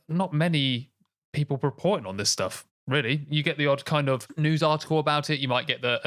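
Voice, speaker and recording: Lively, chatty British podcast host. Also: male voice, on the high side. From United Kingdom. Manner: chatty, laughs often, animated. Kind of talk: casual podcast chat.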